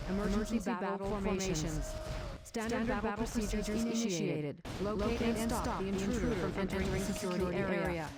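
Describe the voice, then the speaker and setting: A woman voicing a stern base security alarm announcer in a video game, giving clipped, urgent commands over a facility loudspeaker. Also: mid-range voice. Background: game music.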